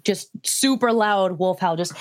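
A woman's voice: mid-range voice, measured pace, no echo, clean studio sound. A woman playing in a tabletop role-playing game, casually narrating what her character does.

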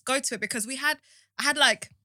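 A woman's voice: high-pitched, quick pace, bright, forceful tone, dry recording, clean studio sound. A young woman from East London with a London roadman, multicultural East London accent, chatting casually and slangily as an interview guest. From East London, England. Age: young adult. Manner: slangy, frequent 'like' and 'innit'. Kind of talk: casual chat.

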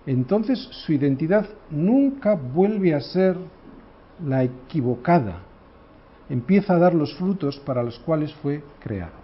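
High-voiced male preacher, lo-fi sound. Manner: rhetorical questions, tag "¿no?", emphatic shifts between loud and soft. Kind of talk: sermon. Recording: dull lo-fi recording.

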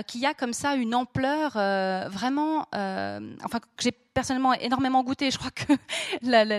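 A woman's voice: a little high, no echo, clean studio sound. A woman hosting a live author event, introducing her guest with many hesitations and restarts. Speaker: event host. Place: venue with an audience. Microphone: handheld mic.

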